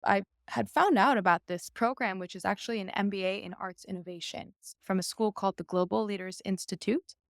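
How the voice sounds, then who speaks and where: A young adult violinist whose first language is Persian talks candidly as a guest on a casual podcast, full of fillers. Her mid-range voice is a little fast with vocal fry and barely pauses. The studio-quality audio has no room sound.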